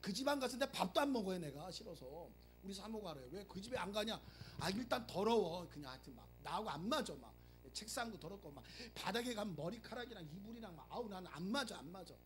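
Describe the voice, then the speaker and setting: A middle-aged male pastor giving a lively sermon, acting out prayers and joking with the congregation. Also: high voice, fast, few pauses, slight background noise. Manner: animated, acts out prayers and quotes, jokes with the congregation. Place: church sanctuary.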